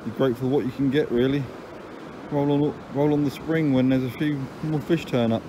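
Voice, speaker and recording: A man from England gives a casual running commentary while fishing from an open beach, filming himself on a handheld phone with a chatty, matter-of-fact manner and dry grumbles. His voice is medium-pitched, fairly even in intonation, and a little fast, and the outdoor phone recording catches waves, surf, and wind.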